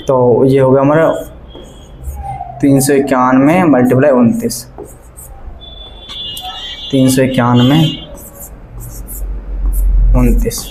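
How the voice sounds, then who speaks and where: A man's voice: medium pitch, a little mellow. Man teaching math in an echoey classroom. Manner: keeps asking the class questions and checking they follow; works sums aloud step by step, repeating numbers. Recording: echoey classroom, faint background noise.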